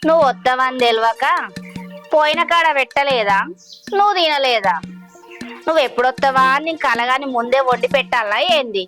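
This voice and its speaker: A woman's voice: high voice, fairly quick, fairly bright tone, soft background music. A woman, playing a sarcastic village wife who taunts her husband. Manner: sarcastic, needling. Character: mocking village wife, the other of two.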